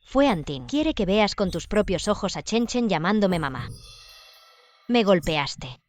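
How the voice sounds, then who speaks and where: A woman's voice: mid-range voice, very animated, a little slow, no echo, faint music behind. An actress dubbing a proud, wounded young woman in a melodrama. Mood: scornful, heated. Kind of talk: dubbed melodrama acting.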